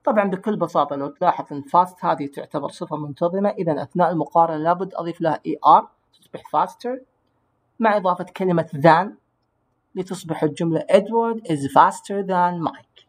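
A male English teacher with a voice that sits high delivers a recorded grammar lesson. He walks through explanations patiently and slows down on English pronunciation.

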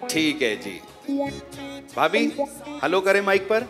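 Male game show host, high voice, teasing and bossy, hall reverb with music behind. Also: big pitch swings, takes it slowly. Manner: teasing, bossy, jokey running commentary. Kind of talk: lively game show hosting.

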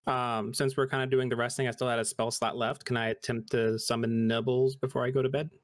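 A young man plays a tabletop game, speaking casually in and out of character. His pitch is average and the recording is dry. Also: little pitch movement, fairly quick, dry recording. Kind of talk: casual in-character role-play chat.

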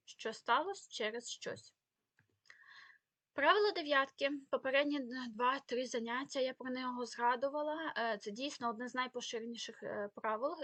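Woman teaching grammar, fairly high voice. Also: fairly bright tone, no room sound. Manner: explanatory, with frequent fillers and self-corrections. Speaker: Ukrainian language teacher. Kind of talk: spoken grammar lesson.

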